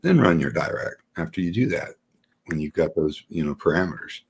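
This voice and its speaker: A man with a notably low voice talks through his advice in a relaxed, rambling way. He leans on fillers and casual asides as he chats on a livestream. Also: brisk, creaky, slightly rough. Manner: loose, filler-heavy explaining with "you know" and "man". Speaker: acoustics company guest.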